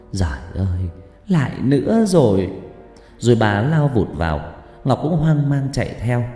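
A man narrating a horror story expressively, dropping low for tense moments. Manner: expressive, sinking low for dread. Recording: heavy hall reverb with music.

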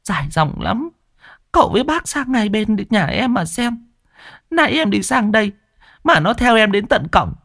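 A man's voice: sits high, big pitch swings, normal speed, a bit bright, no room sound, studio quality, pitched above the performer's own voice, full character voice. A man voicing a frightened middle-aged woman who wails and pleads for help, in a spooky storybook tale. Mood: pleading. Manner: pleading, wailing.

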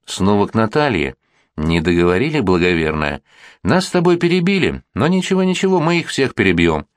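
A man's voice: fairly low pitch, sing-song, brisk, no room sound. A man reading the lines of a weary police captain in an audiobook, curt and sardonic.

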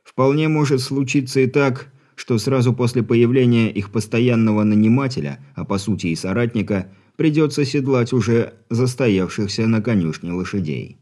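A man narrating an audiobook with an even, wry storytelling manner. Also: mid-range voice, moderate pace, hardly any pauses. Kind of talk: scripted narration.

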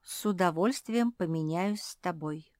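Woman doing a mild easygoing girl pug, storybook, slow and unhurried, dry. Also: on the low side, a little mellow, no room sound, close to an everyday voice. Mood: puzzled. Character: female pug, calm and easygoing.

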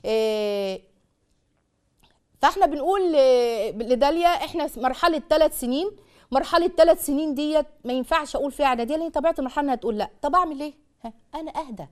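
A woman with an Egyptian accent hosting a call-in parenting advice show, giving fast and emphatic advice like a teacher. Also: high-pitched, a little mellow. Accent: Egyptian Arabic.

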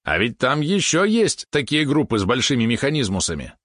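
Man doing an excitable yapping dog spirit. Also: mid-range voice, brisk, dry recording, studio quality, pitched above the performer's own voice. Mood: eager. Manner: eager, indignant, pushy. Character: excitable talking dog-like male helper spirit.

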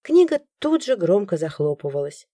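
A woman narrating a first-person audiobook with expressive, animated storytelling. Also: on the low side, moderate pace, no room sound, studio quality.

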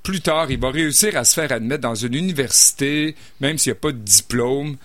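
A man's voice: mid-range voice, brisk, a bit bright, dry recording. A man reviewing novels in casual radio chat, hesitant, with many fillers and restarts. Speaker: book reviewer.

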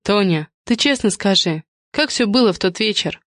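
A woman's voice: mid-range voice, animated, normal speed, no room sound, studio quality, lightly acted. A woman voicing a nosy, suspicious middle-aged woman who probes and insinuates. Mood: insinuating. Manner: probing, insinuating.

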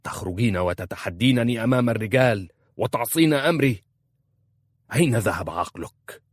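Man as a stern desert chieftain, commanding, forceful, deep low voice, storybook, dry. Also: normal speed, husky, no room sound.

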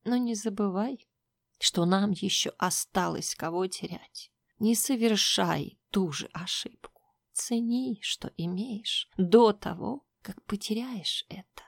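A woman voicing a grieving older mother in an audiobook, speaking slowly in hushed, often whispered pleas. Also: mid-range voice, creaky, no echo, studio quality. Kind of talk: audiobook reading.

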